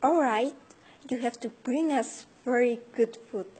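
Young woman, Indonesian accent, breathy tone, slow pace, excitable friend in a recited scripted dialogue, acted by a student. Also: on the high side. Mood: excited. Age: young adult. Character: agreeable, excitable friend planning a holiday.

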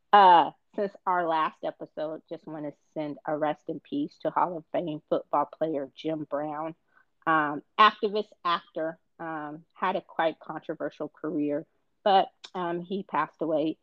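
A man co-hosting a casual pop culture podcast, chatty and animated, joking about his game show voice. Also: a little high, no room sound, highs cut off. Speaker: podcast co-host.

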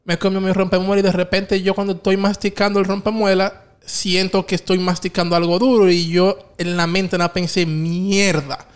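Smooth, high-voiced man. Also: a little fast, hardly any pauses. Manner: relaxed, slangy, acts out his own quotes. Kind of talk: casual chat, storytelling.

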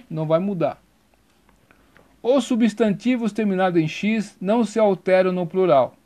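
A man's voice: sits high, a little mellow. A man teaching a grammar lesson, spelling out letters and repeating each rule.

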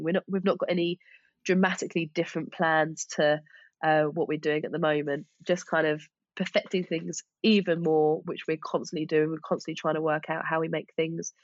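A woman's voice: low-pitched, steady tone, normal speed, no echo, highs cut off. A woman with an Essex accent speaking as an interview guest in a chatty, informal, self-deprecating way. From Essex, England. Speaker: podcast guest, small business owner. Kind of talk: casual interview chat.

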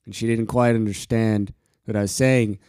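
Quiet, halting man with a low, flat voice. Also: clean tone, dry recording, studio quality. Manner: quiet, halting, pauses often for breath. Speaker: podcast host. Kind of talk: casual solo podcast talk.

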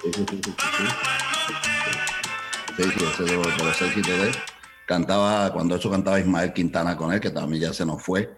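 A man in his sixties from Colombia, a guest telling lively anecdotes in an interview and mixing Spanish and English as he acts out dialogue. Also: sits low, normal speed, over loud music. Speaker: guest, entertainment entrepreneur. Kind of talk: storytelling in a conversational interview.

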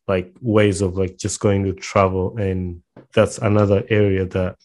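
A man's voice: low voice, level tone, a little slow, a little mellow. A man hosting a podcast, chatting casually and rambling a little, mixing in Luganda phrases. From Uganda. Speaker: podcast host. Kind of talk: casual interview chat.

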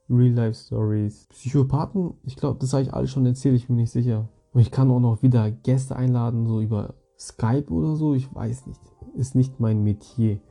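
A man's voice: mid-range voice, dark tone. A young man hosting a podcast alone, telling stories casually in slang. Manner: slangy, rambling, addresses listeners directly. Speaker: podcast host. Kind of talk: casual storytelling monologue.

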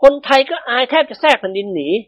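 A woman reading the lines of a playful young husband who is embarrassed and teasing, in a lively audiobook voice. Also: a little high, quick pace, no room sound, pitched above the performer's own voice. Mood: sheepish joking.

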